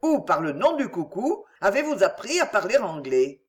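A woman's voice: mid-range voice, sing-song, moderate pace, lightly acted. A woman voicing a tall, lazy, foppish English nobleman who talks in a languid, yawning drawl. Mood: mocking.

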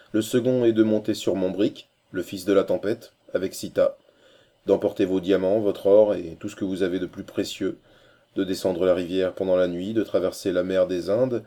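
A man voicing a bold, fearless sea captain who talks in a hearty, lively way in an audiobook reading. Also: deep voice.

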